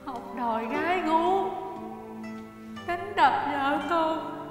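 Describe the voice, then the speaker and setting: A woman's voice: sits high, lively intonation, drawn-out words, exaggerated voice. An actress playing a beaten-down young wife, sobbing and begging her father's forgiveness in wailing, half-sung phrases. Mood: tearful pleading. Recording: roomy distant film sound with reverb and music.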